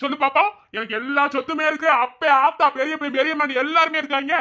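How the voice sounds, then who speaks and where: A performer voicing a scornful, bullying middle-aged father-in-law in a cartoon, with a Madurai Tamil accent, taunting and shouting insults. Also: high-pitched, fairly even intonation, fast talker. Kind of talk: cartoon voice acting.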